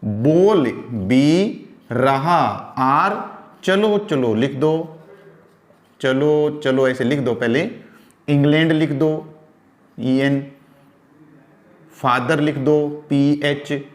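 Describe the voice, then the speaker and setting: A man's voice: fairly high pitch, drawn-out words, pauses often. A male teacher gives a lecture. He asks questions and answers them himself, repeats himself and spells words out as he writes. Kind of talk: classroom lecture.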